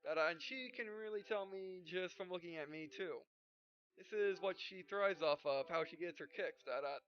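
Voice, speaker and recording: During a let's play, a man with a high voice reads game dialogue at a moderate pace, rambling, tripping over words and adding fillers and asides. He's a gaming video host; the lo-fi mic is muffled and game music sits behind him.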